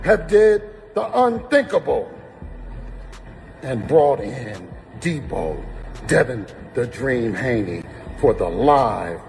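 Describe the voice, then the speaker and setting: Lively gravelly man hyping a fight. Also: medium pitch, takes it slowly, long pauses, long reverb tail, soft background music. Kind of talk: animated hype talk.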